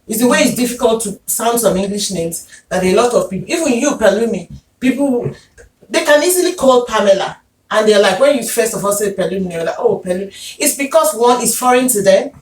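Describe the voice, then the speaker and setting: A woman's voice: fairly high pitch, expressive, a little fast. A woman with a Nigerian accent hosting a casual group discussion, speaking earnestly with frequent fillers. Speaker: host. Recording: echoey room, distant mic, faint noise.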